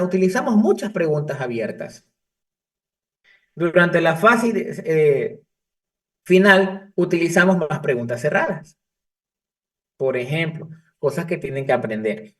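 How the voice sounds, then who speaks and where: A man teaching a psychology class, explaining in a conversational lecture style and illustrating with stories from his cases. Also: on the high side. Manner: conversational, tells case anecdotes with restarts. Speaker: psychology professor. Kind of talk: university lecture. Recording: distant mic.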